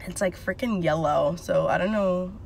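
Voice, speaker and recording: A woman's voice: lowish voice, normal speed, a little mellow, slight background noise. A woman in her twenties talking casually into her phone while sitting in her car, rambling candidly with lots of fillers. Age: 20s. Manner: chatty, filler-heavy, candid. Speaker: vlogger. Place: inside a car, parked. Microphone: phone at arm's length.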